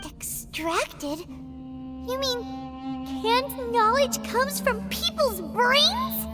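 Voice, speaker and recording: A tiny, naive fairy girl from a video game, squeaky and extremely high. She is cutesy and excitable, with swooping intonation, over loud music. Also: very slow, exaggerated voice. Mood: squeamish, alarmed. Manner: squeaky, cutesy, refers to herself by name.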